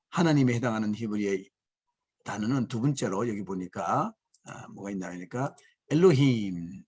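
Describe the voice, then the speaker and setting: A man teaching a Bible lecture, explaining slowly and repeating key words. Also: mid-range voice, husky. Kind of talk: lecture class.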